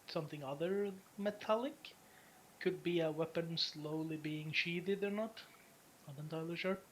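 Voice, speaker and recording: Tabletop game master, hesitant narrator, fills pauses, mid-pitched, faint hiss. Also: fairly bright tone. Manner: loose, hesitant narration with many fillers.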